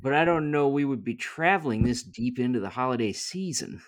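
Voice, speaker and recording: A man's voice: mid-range voice, animated, a little fast, lightly acted. A man playing a flustered, soothing Joseph. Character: fussy apologetic husband Joseph.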